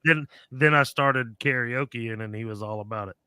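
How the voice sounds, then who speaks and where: Bright-toned, joking man in his forties. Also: medium pitch, moderate pace, clear, resonant tone, dry recording, clean studio sound. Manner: joking, self-deprecating. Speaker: guest podcaster. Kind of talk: casual podcast chat.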